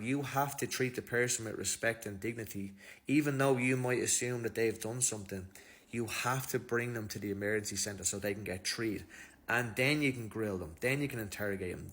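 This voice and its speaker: A man with an Irish accent retelling a crime story in a loose, slangy way, as a commentator. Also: mid-range voice. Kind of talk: casual storytelling over footage.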